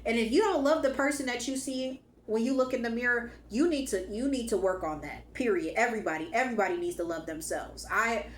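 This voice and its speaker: A woman whose voice is going hoarse gives an emphatic, casual spiritual pep talk to her viewers. She speaks, repeats her key lines and swears now and then. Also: on the high side, a little fast, few pauses, echoey room, a little hiss or hum. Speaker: spiritual channel host.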